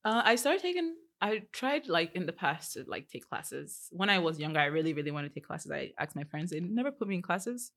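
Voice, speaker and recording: Young woman on a podcast, kinda fry in her voice, laughs a lot, says like constantly. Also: lowish voice, sing-song, a little fast, few pauses, fairly bright tone. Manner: laughs often, many "like" fillers. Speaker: podcast guest, entrepreneur. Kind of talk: casual chat.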